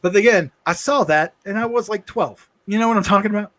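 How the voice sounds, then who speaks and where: Earnest man with a higher voice. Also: fairly bright tone. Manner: earnest, halting, with restarts and trailing off. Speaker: livestream co-host. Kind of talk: casual personal storytelling.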